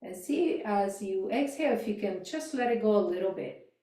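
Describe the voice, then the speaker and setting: A woman gently guiding a yoga and mindfulness class, cueing neck movements, voice exercises and breathing in a calm way with soft trailing endings. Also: medium pitch, moderate pace, recorded from a distance. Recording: echoey room, voice off-mic.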